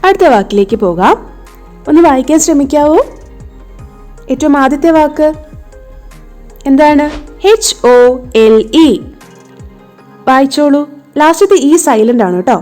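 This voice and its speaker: Patient Malayali woman tutor, soft music. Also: sits high, lively intonation, a little slow, pauses often. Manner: patient, coaxing, spells words out letter by letter and checks understanding. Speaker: English tutor. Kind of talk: online lesson for children. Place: home tuition setting.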